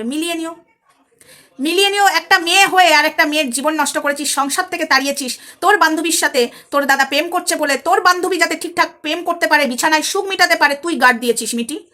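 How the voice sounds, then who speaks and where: A woman's voice: high-pitched, fast, sharp tone. A woman talking straight to her viewers in a heated commentary vlog, scolding and angry. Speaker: social media commentator.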